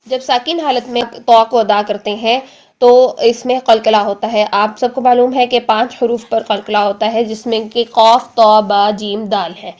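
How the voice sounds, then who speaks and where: Higher-pitched woman drilling letter sounds. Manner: explains slowly, drills letter sounds with many repetitions; stretches demonstration words very slowly. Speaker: Quran recitation teacher. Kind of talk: tajweed lesson.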